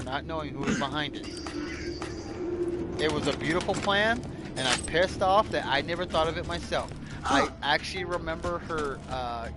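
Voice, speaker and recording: A man's voice: fairly high pitch, heavy background noise. A man chatting casually and ranting in a blunt way, swearing heavily. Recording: loud music behind the voice. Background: loud music.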